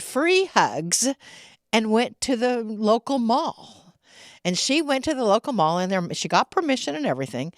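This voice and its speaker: A middle-aged woman giving an inspirational spiritual talk, slow and reflective, with laughs between her stories. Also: medium pitch, no room sound, studio quality.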